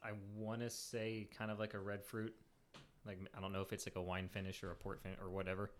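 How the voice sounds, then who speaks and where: A man co-hosting a casual whiskey podcast, talking quickly and joking, with lots of "like" fillers. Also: on the low side, monotone, slight background noise. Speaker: podcast co-host. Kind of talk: casual chat.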